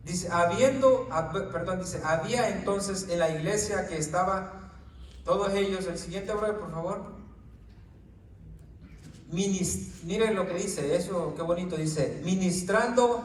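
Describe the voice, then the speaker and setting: The fairly high-voiced man preaches in a steady tone, unhurried and with long pauses, teaching a small gathering informally. His frequent "right?" and "brother" and occasional stumbles come through a distant mic in an echoey room with faint hiss.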